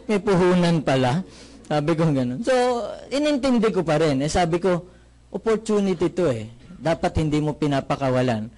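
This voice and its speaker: A man from the Philippines giving a lively testimonial talk, telling his story with jokes and asking the audience questions. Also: fairly high pitch, a little fast. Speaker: motivational speaker giving a testimony.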